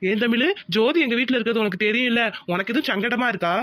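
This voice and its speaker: A lovesick young village husband, played by a woman in a homemade cartoon. The voice sits fairly high for a man. It is recorded close and dry. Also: fast talker, a bit bright, dry recording, natural voice. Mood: grumbling. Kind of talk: cartoon voice acting.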